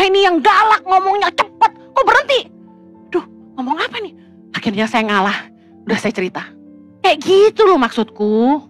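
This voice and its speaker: High-voiced woman pastor preaching. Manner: lively, colloquial, humorous storytelling. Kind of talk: sermon.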